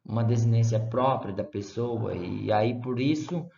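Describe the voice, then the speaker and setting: A man with a Brazilian Portuguese accent teaching a recorded lecture, explaining patiently, often pausing on fillers and checking with "right?". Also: mid-range voice, vocal fry, warm tone, slight background noise. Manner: hesitant, many filler "é" and "ah"; explanatory, checks understanding with "certo?" and "né?". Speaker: Latin teacher. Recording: roomy, slightly dull lecture recording.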